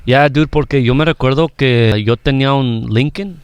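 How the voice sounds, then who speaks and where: Man, podcast guest, smooth clear voice, mid pitch, easygoing, Spanish fillers in English. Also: brisk, no echo. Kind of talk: casual chat.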